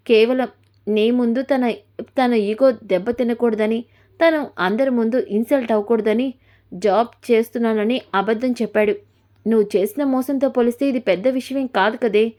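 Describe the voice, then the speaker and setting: A woman's voice: fairly high pitch, mellow, close to an everyday voice. A woman voicing a frank young female friend who bluntly reproaches her friend, in a retold serial story.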